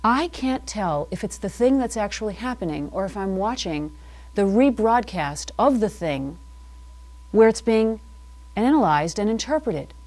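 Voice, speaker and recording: A middle-aged woman of middle pitch hosts a live comedy monologue from a cable TV studio. She confides in her viewers in a mock-serious, theatrical tone. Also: expressive, a little slow, a little mellow. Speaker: host.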